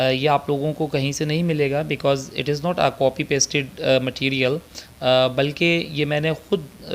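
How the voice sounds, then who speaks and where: A man with a Pakistani accent teaching a slide lecture on figures of speech, talking slowly and hesitantly with many filler pauses and switching between Urdu and English. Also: medium pitch, a little hiss or hum.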